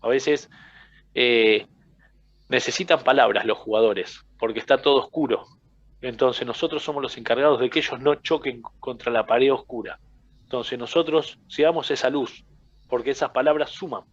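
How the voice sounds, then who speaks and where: A man's voice: mid-range voice, moderate pace, muffled recording. A man with an Argentine accent teaching a coaching class, explaining with everyday examples and often checking in with his listeners. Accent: Argentine Spanish. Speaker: football coaching instructor. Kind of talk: casual classroom lecture.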